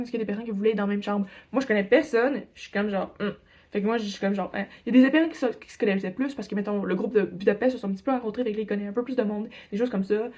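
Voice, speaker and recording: A young woman with a Québécois French accent, vlogging into her phone. Her voice sits a little high and she rambles chattily, filling her sentences with filler words. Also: darkish tone. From Quebec, Canada. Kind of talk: casual storytelling vlog. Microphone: phone camera.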